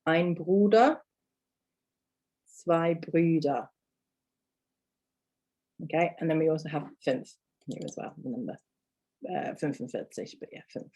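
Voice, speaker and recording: British woman, lowish voice, patient language teacher who repeats words slowly for learners. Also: mellow, breathy edge. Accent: British English. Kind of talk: online language lesson.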